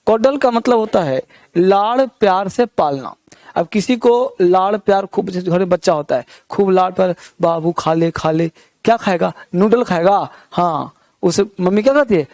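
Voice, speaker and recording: A man's voice: high-pitched, animated, normal speed, darkish tone, no room sound. A man teaching English vocabulary, repeating words with memory tricks and quizzing his listeners. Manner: repeats words with rhymes and memory tricks, asks the class questions. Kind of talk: vocabulary lesson.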